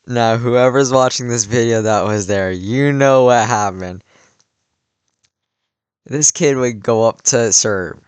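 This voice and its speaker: A late-teen vlogger speaks slowly in a clean, mid-range voice, recorded with no room sound. Cheering has left his voice a bit worn. He tells his story in a loose, casual ramble, stuffed with "like" and restarts.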